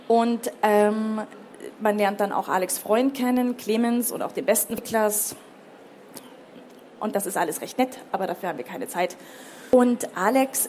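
A woman's voice: mid-range voice, a little mellow, slight background noise. A woman reading a novel aloud, with chatty commentary between passages. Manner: chatty, with fillers. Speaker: book reader.

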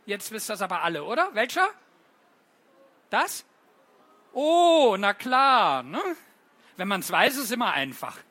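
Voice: medium pitch, big pitch swings, unhurried, pauses often, sharp tone, dry recording. An author giving a live poetry reading for children, playful and chatty, quizzing the audience with many questions. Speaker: author reading own poems.

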